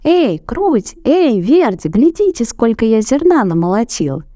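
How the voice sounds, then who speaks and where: A woman's voice: sits high, lively intonation, measured pace, dark tone, dry recording, studio quality, voice pushed up. A woman voicing a busy, hardworking male rooster, calling out eagerly in a fairy tale.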